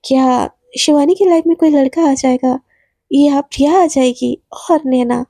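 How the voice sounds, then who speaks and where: A woman telling a love story out loud in a casual way, acting out each character's lines herself. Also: measured pace, no room sound. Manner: retells dialogue with many "she says" tags; animated, acts out lines in higher voice.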